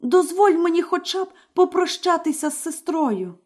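A woman's voice: extremely high pitch, animated, normal speed, a little mellow, voice pushed up. A woman voicing a terrified young wife who pleads through tears in a fairy tale. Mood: frightened. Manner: trembling, pleading, tearful. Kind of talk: storybook character voice.

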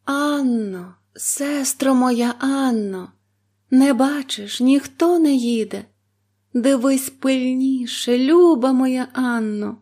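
A woman's voice: a little high, fairly even intonation, moderate pace, darkish tone, voice pushed up. A woman voicing a terrified young wife in a storybook, pleading in a raised, desperate voice.

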